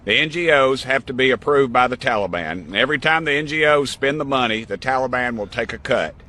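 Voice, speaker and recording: A man's voice: mid-range voice, lively intonation, fairly quick, bright, forceful tone. A man giving indignant political commentary.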